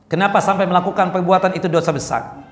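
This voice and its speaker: In an echoey mosque, a man preaches casually, answering questions and frequently asking the audience "jelas?" to check they understood. His voice is high-pitched and fast, with fairly even intonation, and his manner is conversational.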